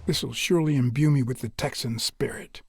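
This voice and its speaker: A man's voice: medium pitch, a little fast, creaky, darkish tone, lightly acted. A man voicing a dry, wry cat detective. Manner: dry, understated inner monologue. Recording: game audio with faint music.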